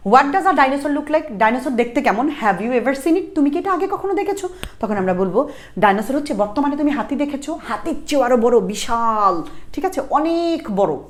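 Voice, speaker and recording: A young woman, teaching an English exam-prep lesson. She reads phrases slowly, explains quickly, and often checks in with a rising question. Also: on the high side, expressive. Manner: explains slowly, then rapid asides, asks "ঠিক আছে?" with a rising tone.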